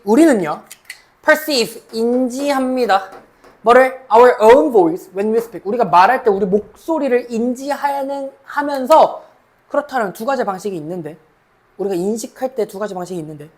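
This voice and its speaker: Woman, cram school English teacher, high voice, slow English reading, Korean explanations, frequent check-in questions. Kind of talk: mock exam explanation lecture.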